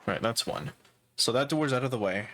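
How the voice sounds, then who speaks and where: Man narrating his game, bright voice. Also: mid-range voice, moderate pace, faint music behind. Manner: relaxed, talks through puzzle steps with fillers and swearing. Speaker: gaming streamer. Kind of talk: casual let's-play commentary.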